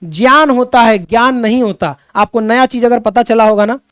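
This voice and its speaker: A man's voice: very high voice, steady tone, moderate pace, a little mellow, clear, resonant tone, no room sound, clean studio sound. A man teaching Hindi grammar to students in an online lesson, often repeating his questions and calling his students children. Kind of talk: classroom-style online lesson.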